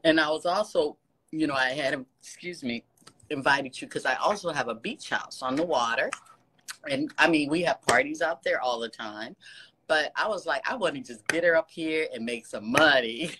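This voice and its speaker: Her voice low and her speed normal, a US woman in her sixties talks to a close-held phone camera from an office with ceiling lights. She is a fan on a casual video call, gushing with warm praise and encouragement and laughing frequently. Noise fills the background.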